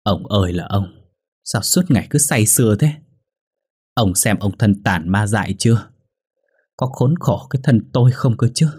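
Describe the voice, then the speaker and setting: A man's voice: lowish voice, animated, normal speed, long pauses, darkish tone, slightly rough. A man voicing a battered, despairing middle-aged wife who pleads and wails. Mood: reproachful. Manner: pleading, wailing.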